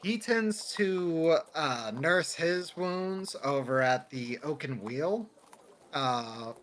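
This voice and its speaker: Man doing a nervous tradesman NPC, stammers, slow and bright. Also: on the high side, animated, slight background noise, full character voice. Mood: uneasy. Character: jittery male carpenter drinking ale after work.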